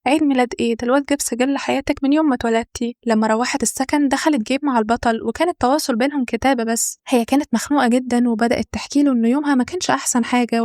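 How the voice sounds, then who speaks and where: Young woman, Egyptian accent, comic drama recap narration, very fast, dry voice-over. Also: high-pitched, a little mellow, dry recording. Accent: Egyptian Arabic. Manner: joking, slangy asides to the listener.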